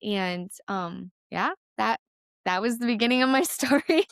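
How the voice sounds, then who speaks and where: Young adult woman, American, podcast guest; smooth voice, dry close sound, heartfelt and teary. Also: fairly high pitch, expressive, measured pace, a bit bright, no echo. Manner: tearful, earnest storytelling with laughs. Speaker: guest, college gymnast. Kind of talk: emotional personal story in a podcast interview.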